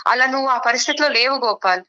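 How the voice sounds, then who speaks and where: A woman's voice: high-pitched, fast, dull audio, very noisy. A woman guest on a counseling talk show who argues her side firmly and lectures the man beside her. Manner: firm, lecturing. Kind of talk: studio talk show dispute.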